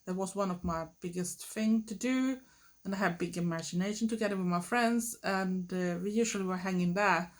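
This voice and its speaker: A middle-aged woman from Sweden with a Swedish accent, talking through a get-to-know-me video in a thoughtful, unhurried way with fillers and restarts. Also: medium pitch. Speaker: vlogger. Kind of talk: get-to-know-me tag monologue.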